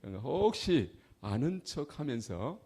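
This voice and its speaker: Middle-aged Gyeongsang-accented preacher, gravelly and emphatic, telling a personal testimony with loud and soft swings. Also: male voice, medium pitch, big pitch swings, unhurried, a little hiss or hum. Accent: Gyeongsang Korean. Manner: emphatic storyteller, swings between loud outbursts and soft asides. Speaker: traveling minister.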